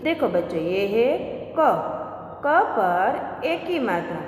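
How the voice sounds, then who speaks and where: A woman teacher slowly walking young children through a school lesson, one letter at a time. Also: medium pitch, big pitch swings, reverberant, big-room sound, a little hiss or hum. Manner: slow, patient, drawn-out letter-by-letter explanation.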